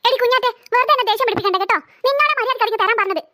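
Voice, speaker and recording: A woman voicing a bossy, possessive cartoon girl who squabbles with her sister in a shrill, scolding, insistent manner. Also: very fast, sharp tone, dry recording, studio quality. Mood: indignant. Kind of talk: cartoon voice acting.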